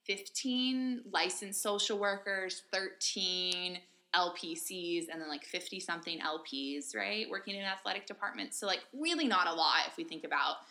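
A woman's voice: on the low side, normal speed, pushed and bright. A woman co-hosting a podcast, explaining points methodically and often checking in with "right?". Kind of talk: casual academic discussion.

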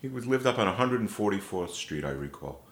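Man, low voice, anecdotal interview guest, echoey room. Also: big pitch swings, fairly quick, fairly bright tone. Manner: rambling, anecdotal, emotional. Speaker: interview guest, bass player. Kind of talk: storytelling interview.

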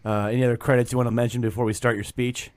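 A man's voice: medium pitch, flat delivery, rapid-fire, a crowd in the background. A man hosting a comedy podcast, introducing guests with mock formality and joking along. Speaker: podcast host. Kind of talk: casual podcast banter.

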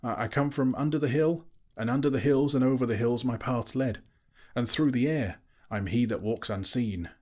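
A man voicing a nervous, flattering little male hobbit who stammers and talks eagerly. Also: mid-range voice, normal speed, pitched above the performer's own voice, lightly acted.

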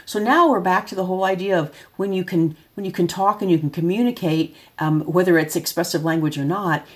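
A woman's voice: lowish voice, fairly quick. A middle-aged woman, a parent, explaining things step by step in casual, thoughtful talk, often restarting her sentences. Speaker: parent of a child with developmental delay.

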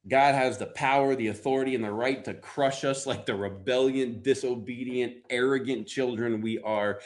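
With a steady tone, an American man preaches in a booming motivational manner, conversational but emphatic, and he uses dramatic pauses.

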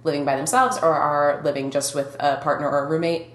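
A young Minnesotan woman hosts a casual podcast, chatty and quick to laugh. Her voice sits a little low and carries some roominess around it. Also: fairly even intonation, echoey room. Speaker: podcast host.

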